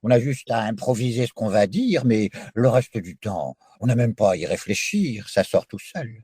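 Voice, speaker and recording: A man's voice: lowish voice, lively intonation, normal speed, mellow, a little hiss or hum. A man from France, a voice actor, talking animatedly in a radio interview and explaining his work with many examples. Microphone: studio microphone.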